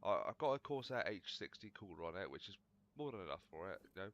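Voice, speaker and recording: A man's voice: sits low, big pitch swings, quick pace, a bit bright, highs cut off. A young man rambling casually through gameplay commentary, swearing freely as he chats. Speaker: gaming channel host.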